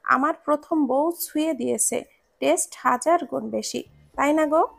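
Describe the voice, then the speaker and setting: A woman's voice: sits high, normal speed, gravelly. A woman reading a story aloud and voicing a playful young man who teases his grandmother. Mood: teasing. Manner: joking, cheeky.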